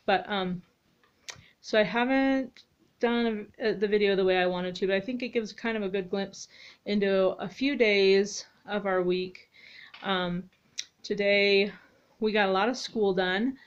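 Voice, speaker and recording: A woman who homeschools her children, chatting casually in a vlog, rambling with lots of ums and restarts. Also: medium pitch. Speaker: homeschooling mother vlogger. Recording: slightly dull lo-fi audio.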